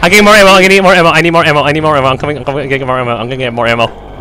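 A man hosting a co-op video game, yelling frantic commentary and repeating himself. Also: on the high side, fairly even intonation, very fast, slight background noise. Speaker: gaming host. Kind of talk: excited gameplay commentary.

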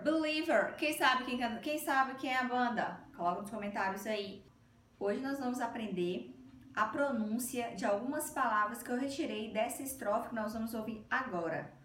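A woman with a bright, fairly high voice gives an upbeat, step-by-step pronunciation lesson. She keeps checking in with her listeners as she goes. The sound bounces around an echoey room. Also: normal speed, a little hiss or hum. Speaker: English teacher. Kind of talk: casual video lesson on pronunciation.

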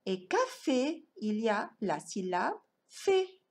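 A woman teaching young children a phonics lesson, enunciating each word in a slow, exaggerated sing-song way. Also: a little high, big pitch swings. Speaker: preschool teacher.

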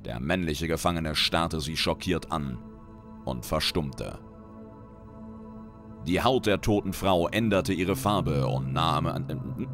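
A deep-voiced male narrator, a reader and lore commentator, reads a fantasy short story aloud in a dramatic, measured way over background music.

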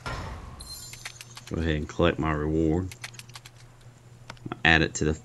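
A man's voice: very deep voice, monotone, slow, fairly bright tone, slight background noise. A man giving casual, chatty commentary while playing and reviewing a mobile game, thinking aloud and poking fun at his own mistakes. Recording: faint game music behind.

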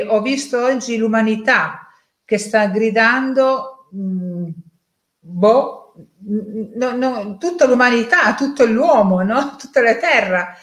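An Italian woman sharing a casual, thoughtful reflection on scripture, hesitant with fillers and tag questions. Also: a little high. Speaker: parishioner sharing a Bible reflection. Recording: echoey room.

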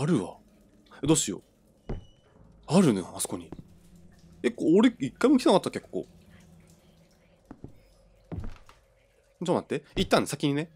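A man's voice: medium pitch, a little mellow, slight background noise. A young man giving let's play commentary on a horror game, jumpy and stammering as he talks to himself. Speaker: gamer playing a horror game.

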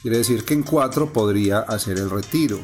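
A man calmly narrating a phone game walkthrough step by step. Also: fairly low pitch, brisk, soft background music. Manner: explains step by step, calm and methodical. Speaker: gameplay narrator. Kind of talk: casual screen-recording walkthrough. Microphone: voice-over on a phone screen recording.

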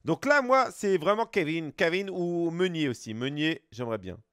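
A man's voice: fairly high pitch, expressive, normal speed, a bit bright, dry recording, clean studio sound. A Belgian man with a Belgian French accent, streaming live as he opens packs, greeting chat viewers and swearing casually.

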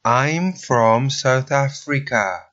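Slow, deliberate lesson voice. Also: medium pitch, expressive, fairly bright tone. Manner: slow, deliberate, evenly spaced phrases. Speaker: lesson narrator. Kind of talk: slow scripted lesson reading. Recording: dull lo-fi audio with clear noise.

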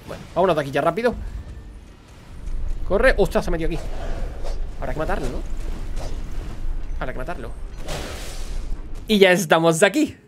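A man giving chatty, explanatory lore commentary while he plays a game. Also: on the high side. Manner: chatty, explanatory, often says "¿vale?". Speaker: lore channel host. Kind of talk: casual gameplay lore commentary.

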